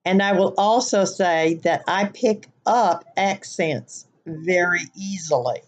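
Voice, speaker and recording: An older woman vlogger sits on her living room couch, chatting casually and a bit ramblingly to her webcam for an accent tag video. She's from the American Midwest, with a Southern US accent mixed with Wisconsin nasal twang. Her voice is on the low side and she takes it slowly.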